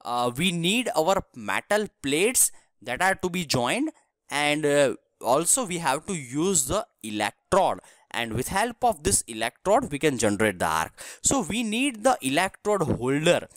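Lively-voiced man lecturing on welding. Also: a little high, measured pace, dry recording. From India. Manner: explanatory, repeats "right?" and "so here" as checks. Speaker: engineering lecturer. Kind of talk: recorded technical lecture.

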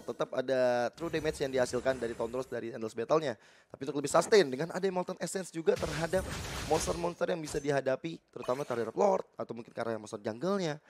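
A man's voice: on the high side, slight background noise. A man with an Indonesian accent doing live esports commentary and analysis, in flowing explanations peppered with English gaming terms. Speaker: esports co-caster.

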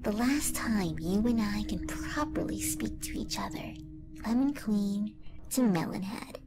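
A woman's voice: medium pitch, expressive, close to an everyday voice, rough recording. Woman whispering as a scheming evil lemon villainess. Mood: menacing. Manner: slow menacing villain monologue. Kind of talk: online fan story drama. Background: music.

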